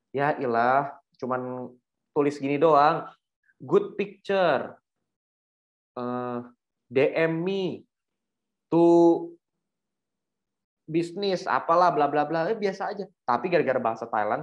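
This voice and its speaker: Animated youth pastor. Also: male voice, mid-range voice, dull audio. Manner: animated, joking, slangy. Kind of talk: casual sermon storytelling.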